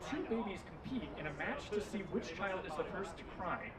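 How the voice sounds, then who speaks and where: A man's voice: high-pitched, expressive, brisk, over a noisy crowd. A man hosting a live evening event, presenting in a lighthearted, wry way before introducing the next speaker. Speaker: event host. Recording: roomy, distant, noisy live venue.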